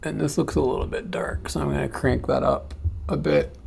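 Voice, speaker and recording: A man talking casually and haltingly, unscripted, as a streamer setting up and chatting with viewers. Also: medium pitch, very animated, gravelly, a little mellow, a little hiss or hum. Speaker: livestream host.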